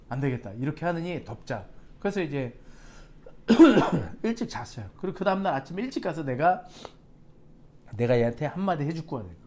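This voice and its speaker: A male pastor preaching a sermon, telling a personal story with questions to the congregation. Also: a little high. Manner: lively storytelling with asides to the congregation. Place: church sanctuary.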